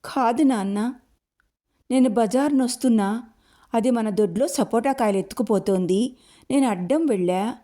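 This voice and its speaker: A scared little girl from a storybook, pleading with her father, as a woman storyteller puts her on. The voice is lifted high but stays soft and mellow. She sounds timid and anxious. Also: normal speed, long pauses, natural voice.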